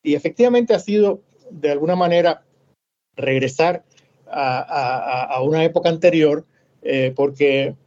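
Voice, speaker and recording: Man, Cuban–Puerto Rican accent, dark voice, slightly raised pitch, hesitant academic panelist, dull lo-fi sound. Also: measured pace. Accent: mix of Puerto Rican and Cuban Spanish. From Cuba. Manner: hesitant, many filler sounds. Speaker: scholar on a panel. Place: lives in Miami.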